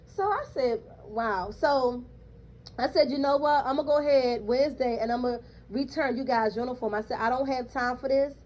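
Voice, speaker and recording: A woman's voice: high-pitched, normal speed, darkish tone, highs cut off. A woman candidly recounting her first day at work, blunt, cursing freely and checking in with "okay?". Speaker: vlogger. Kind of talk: casual storytelling monologue.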